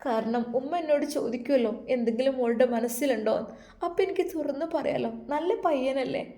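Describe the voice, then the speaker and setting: A woman voicing a tearful young woman in love, with a high, soft and wavering voice. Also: fairly quick, close to an everyday voice. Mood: tearful longing. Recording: roomy echo.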